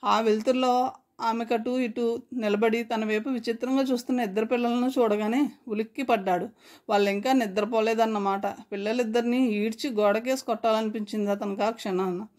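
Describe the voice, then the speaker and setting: A woman narrating a novel chapter aloud in a steady storytelling voice. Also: a little high, a little fast. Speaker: audiobook narrator.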